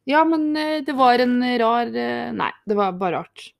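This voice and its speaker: A woman chatting casually in short, relaxed replies. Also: on the high side, creaky, no room sound, clean studio sound. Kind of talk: casual chat.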